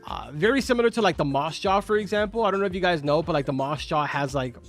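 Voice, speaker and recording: A young man who speaks Spanish as his first language streams games and chats casually with viewers, answering their questions with plenty of filler words. His voice is on the high side and he talks fast. It's recorded on a studio microphone with faint game music behind.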